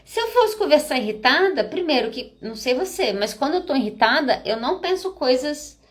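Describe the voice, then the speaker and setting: A woman's voice: high voice, fairly quick. A woman psychologist giving relationship advice through personal stories, acting out her own dialogue as she goes. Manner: expressive storyteller, acting out dialogue.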